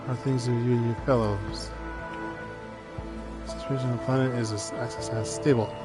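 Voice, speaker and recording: A man's voice: mid-range voice, fairly even intonation, normal speed. A man playing a video game, reading its dialogue aloud and often stumbling over the words between casual comments. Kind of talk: let's play commentary. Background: game music.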